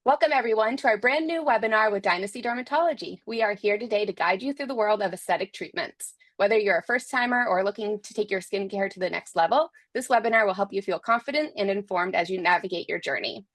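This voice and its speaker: Woman webinar host, mid-pitched voice, upbeat and welcoming, dry close sound. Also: fast, few pauses, no echo. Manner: upbeat, welcoming, scripted introductions. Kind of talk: hosting a webinar.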